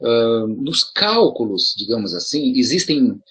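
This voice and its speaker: Middle-aged Brazilian man, very raspy voice, mid pitch, chatty explainer full of rhetorical questions. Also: sing-song, measured pace, fairly bright tone. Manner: conversational, rhetorical questions, frequent restarts. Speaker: video commentator addressing promoters. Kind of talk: casual explanatory monologue.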